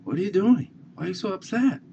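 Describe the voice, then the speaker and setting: Casting: man putting on a patient old man, high and gentle, in a muffled recording with faint hiss. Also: animated, quick pace, vocal fry. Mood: curious.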